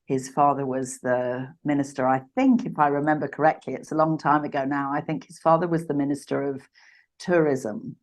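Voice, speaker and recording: A woman in her sixties from Uganda, a podcast guest telling her life story in a reflective, halting way with frequent restarts. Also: low-pitched, fairly even intonation. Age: 60s. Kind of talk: personal storytelling in a podcast interview.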